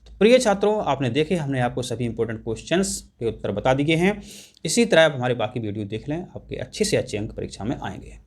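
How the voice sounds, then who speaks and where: A man's voice: mid-range voice, sing-song, fast talker. A man teaching an exam-prep lesson, explaining English grammar to students and repeating and stressing key points.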